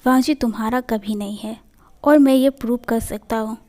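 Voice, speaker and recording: A woman's voice: fairly high pitch, normal speed, darkish tone, natural voice. Woman voicing a scheming young rival man. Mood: taunting. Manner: taunting, falsely innocent.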